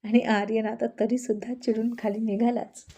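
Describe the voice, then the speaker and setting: A woman narrating a romantic serial story in a steady storytelling manner. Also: fairly high pitch, moderate pace, breathy edge.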